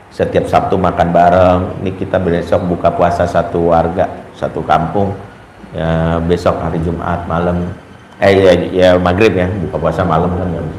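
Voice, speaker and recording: A male Islamic preacher gives a parenting talk, telling stories and acting out the dialogue in them. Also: on the low side. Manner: lively storytelling, acts out dialogue in quoted voices. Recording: echoey room with faint ambient noise.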